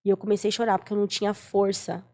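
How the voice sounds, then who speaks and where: A woman's voice: medium pitch, flat delivery, rapid-fire, dark tone. Earnest Brazilian woman telling a testimony. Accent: Brazilian Portuguese. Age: 40s. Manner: earnest, storytelling, acts out quoted voices. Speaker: guest giving testimony. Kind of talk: emotional personal testimony.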